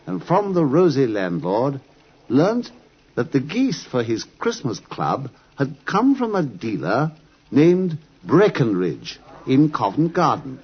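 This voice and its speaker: A genial, well-spoken British gentleman doctor with a husky, expressive voice. He has the bluff loyalty of a detective's companion, heard on a muffled vintage radio drama. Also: medium pitch, takes it slowly, exaggerated voice. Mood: atmospheric storytelling. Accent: British English. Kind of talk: 1950s radio drama acting. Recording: muffled old radio recording.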